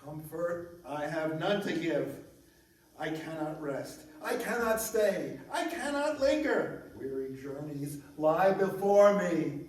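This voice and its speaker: Slow, echoing, mournful male ghost. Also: fairly high pitch, expressive, a little mellow. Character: remorseful male ghost of a dead businessman, solemn, warning. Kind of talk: stage radio-play acting. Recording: very echoey room, far from the mic.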